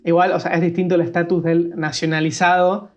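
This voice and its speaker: A man with an Argentine accent talks quickly in a casual podcast chat, a little higher-pitched than most men. He explains at length, restarting sentences as he goes. The sound is dull and slightly muffled. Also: completely flat delivery. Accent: Argentine Spanish. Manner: fast, explanatory, with frequent restarts and fillers. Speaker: podcast co-host.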